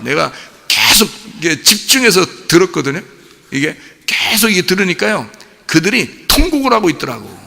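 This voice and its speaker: Middle-aged male pastor, bright high voice, sermon in a reverberant church hall. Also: gravelly. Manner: animated storytelling, mimics animal cries and laughs. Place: church sanctuary.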